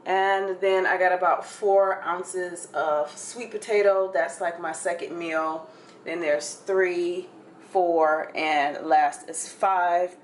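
In her home kitchen, a young fitness vlogger talks to a camera held close, using a lowish voice with a steady tone and a slow pace. Her casual chat rambles and is full of fillers. The recording is reverberant, with a little hiss or hum.

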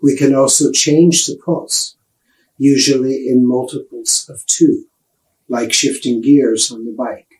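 An older man lectures on music in an unhurried, explanatory way. He takes his time with each point and sets out every idea step by step. His voice sits at an ordinary middle pitch. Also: steady tone, darkish tone, low-quality recording. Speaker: piano professor.

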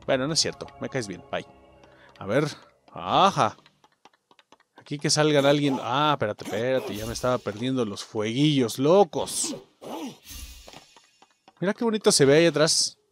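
Excitable Mexican gamer, swearing a lot. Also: male voice, medium pitch, moderate pace, long pauses, faint music behind. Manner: profane, excitable, shouts at enemies. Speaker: gaming host. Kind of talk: let's play commentary.

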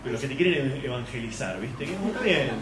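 A man's voice: medium pitch, animated, fast, background noise. A man with an Argentine accent doing live stand-up comedy, brash and swearing, working the crowd on a club stage. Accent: Argentine Spanish. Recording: echoey club with loud crowd.

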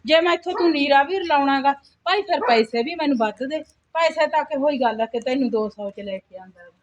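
A woman's voice: high voice, a little fast, noisy background, close to an everyday voice. A woman playing a poor young village mother who works as a day laborer, weary and complaining. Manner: plaintive, complaining, sighs to God. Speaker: actor in a home-made skit. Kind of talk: amateur village drama.

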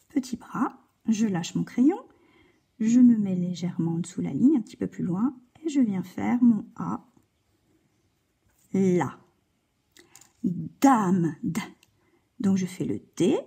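A woman's voice: mid-range voice, dark tone, breathy edge. A woman teaching a handwriting lesson to a child, guiding patiently step by step. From France. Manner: slow, patient step-by-step guidance, addressing a child.

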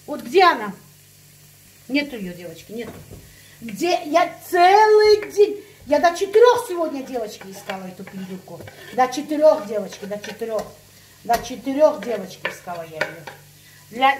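A woman's voice: high voice, a little hiss or hum. A woman ranting in a casual chat to her viewers, heated and emphatic, repeating herself for effect. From Russian-speaking, living in Spain. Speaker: vlogger.

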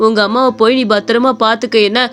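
A woman voicing a gentle, kindly old man who runs a small appam shop, with a soft, fatherly, consoling way of talking. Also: on the high side, fairly even intonation, fast, lightly acted. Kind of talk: animated story voice acting.

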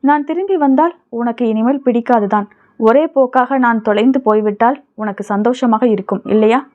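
A woman's voice: fairly high pitch, brisk, natural voice. A woman voicing an angry, jealous young village woman who scolds sharply, on tinny phone-like audio.

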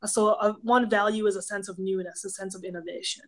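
A Hungarian woman in her thirties, a professor of pastoral theology, joins a casual interview as a guest over a webcam video call from her home office. Her medium-pitched voice moves fairly quickly with fairly even intonation and a Hungarian accent, as she offers thoughtful explanations full of examples.

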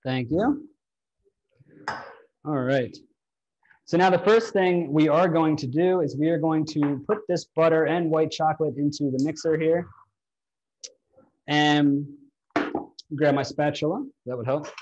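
A thirty-something man runs a live cooking demonstration in a big home-style kitchen indoors, guiding viewers step by step. He speaks a little high and unhurried, with long pauses and a slightly mellow tone; a distant camera captures dull, lo-fi livestream sound.

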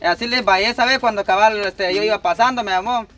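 A man's voice: high-pitched, fairly even intonation, quick pace, sharp tone, far from the mic. A young man playing a defensive, gossiping workmate in a comedy sketch, swearing and rambling through retold quotes.

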